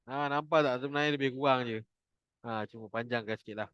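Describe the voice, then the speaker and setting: A man with a Malaysian Malay accent teaching Quran reading, slowly repeating each syllable for his students to copy and often starting lines with "ha". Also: medium pitch, a bit bright, smooth, no echo, highs cut off. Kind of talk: online Quran reading class.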